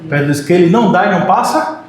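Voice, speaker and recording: Brazilian pastor, high voice, playful preaching, heavy church-hall echo. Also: male voice, quick pace. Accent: Brazilian Portuguese. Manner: animated, joking with the congregation, acts out short quotes. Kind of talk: sermon. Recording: very echoey church hall, faint noise.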